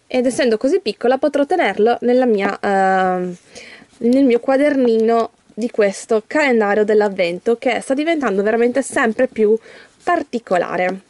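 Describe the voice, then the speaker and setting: A woman's voice: fairly high pitch, normal speed, darkish tone, no echo. A woman vlogging in a chatty way, talking straight to her viewers and reading a children's story aloud. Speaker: YouTuber opening an advent calendar. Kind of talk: casual vlog chat and reading a story aloud.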